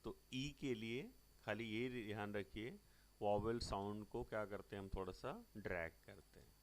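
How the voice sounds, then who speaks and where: A man's voice: on the low side, fairly even intonation, unhurried. An Indian man teaching English grammar, who mixes Hindi and English, spells words out letter by letter, and keeps telling the class to look carefully.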